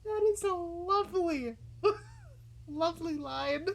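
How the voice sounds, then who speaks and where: A woman's voice: very high-pitched, huge pitch swings, slow, creaky. A woman game streamer giving casual livestream commentary as she plays. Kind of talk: casual livestream gaming commentary, reading dialogue aloud.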